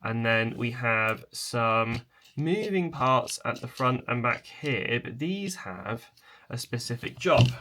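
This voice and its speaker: Casting: male video presenter, mid-pitched, informal and tentative, walking viewers through a hands-on tutorial; chair creaks as he works. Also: animated, slow pace, noisy background.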